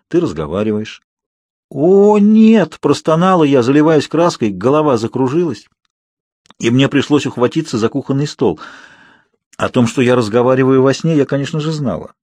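A man reading a first-person audiobook narration in a calm, even manner on a close mic. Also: mid-range voice, a little fast, dry recording. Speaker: audiobook reader.

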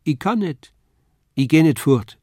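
A man's voice: fairly high pitch, animated, measured pace, mellow, dry recording, studio quality, voice pushed up. A man doing a sobbing little girl. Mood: stubborn. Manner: tearful, stubborn.

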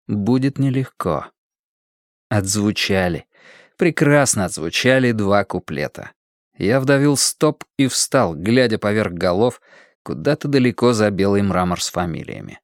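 A man reading an audiobook in a measured, dramatic storytelling manner. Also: lowish voice, expressive, dry recording, studio quality. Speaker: audiobook narrator. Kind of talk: audiobook narration.

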